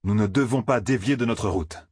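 A stern, commanding male warrior guardian, as a male narrator puts him on for a storybook reading. He gives terse, grave orders in a low, slightly husky voice. The sound is close and dry. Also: normal speed, darkish tone, no echo.

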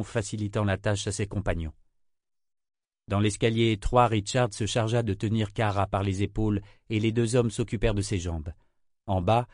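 A man narrating a fantasy novel in a steady, even reading voice. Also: lowish voice, dry recording, studio quality. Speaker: audiobook narrator.

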